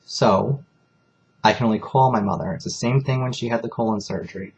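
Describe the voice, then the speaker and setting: A man's voice: lowish voice, a little fast, muffled recording. A man talking candidly in a personal confessional vlog, rambling and emotional as he speaks. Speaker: vlogger.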